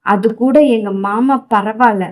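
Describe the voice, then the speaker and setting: A woman's voice: fairly even intonation, unhurried, close to an everyday voice. A woman doing a tearful defiant young wife Priya. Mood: tearful pleading. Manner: pleading, higher, louder.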